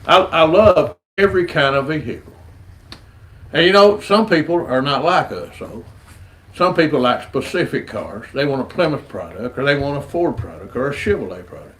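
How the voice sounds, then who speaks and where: A man's voice: on the high side, expressive, moderate pace, fairly bright tone, low-quality recording. A man, a street rodder giving an earnest, folksy evangelistic testimony and often repeating words as he goes. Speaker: street rodder sharing his faith.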